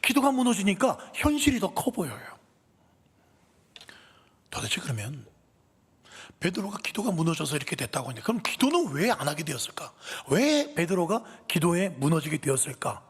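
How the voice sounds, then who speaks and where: A man's voice: on the high side, sing-song, moderate pace, breathy edge. A man preaching a sermon as pastor, asking the congregation rhetorical questions and dropping into whispers before rising again for emphasis. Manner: dramatic, drops to whispers then rises for emphasis; asks the listeners many rhetorical questions. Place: church sanctuary. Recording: long hall reverb.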